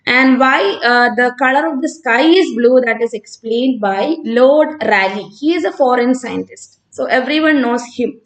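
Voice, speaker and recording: A woman's voice: on the high side, measured pace, few pauses, poor audio. A woman from Kerala with a South Indian accent, teaching informally on a live stream and talking conversationally as she answers students. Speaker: online physics teacher.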